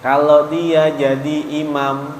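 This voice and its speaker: Slow-spoken man teaching in an echoey mosque. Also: fairly high pitch, little pitch movement, slight background noise. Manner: chants Arabic phrases slowly, then explains briskly. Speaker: religious teacher. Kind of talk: mosque study sermon. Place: mosque hall. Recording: echoey hall, faint ambience.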